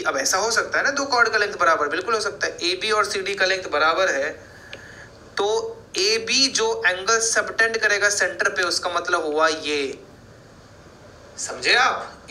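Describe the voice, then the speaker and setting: A man's voice: high-pitched, a little slow, pushed and bright, slight background noise. A male math teacher giving a board lecture, explaining step by step and asking and answering his own questions. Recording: echoey room.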